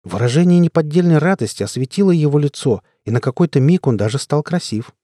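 A man narrating an audiobook in the first person, telling the story in a steady way. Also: on the high side, fast, no room sound, clean studio sound. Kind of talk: scripted narration.

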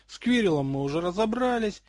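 A man's voice: high voice, animated, a little fast, darkish tone, no room sound, pitched above the performer's own voice. A man doing a cocky mocking teen wizard. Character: cocky teenage boy wizard, mocking and bold.

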